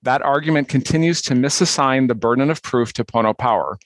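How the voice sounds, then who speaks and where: A man speaking as an attorney in formal oral argument, measured and structured. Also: mid-range voice, no room sound. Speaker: appellant's attorney.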